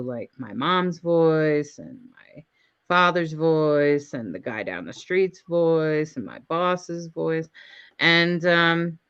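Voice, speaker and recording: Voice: medium pitch, fairly bright tone, dull audio. An interview host asking questions and reflecting on their own experience in casual conversation.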